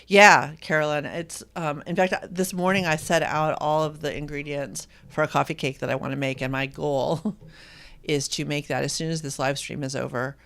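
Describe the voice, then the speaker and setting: A host in their fifties, from Indiana, chatting casually on a live stream and reading viewer comments aloud, with frequent pauses and ums. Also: medium pitch, fairly even intonation, gravelly, a bit bright. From Indiana, USA. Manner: rambling and hesitant, with many ums, reads viewer comments aloud.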